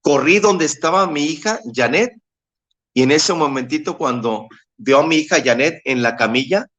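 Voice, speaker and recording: A middle-aged Mexican man telling a personal testimony in an interview. He speaks earnestly and haltingly, repeats words, and climbs higher as emotion builds. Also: a bit bright. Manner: earnest, halting, repeats himself, rises in pitch when moved. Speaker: bereaved father telling his testimony.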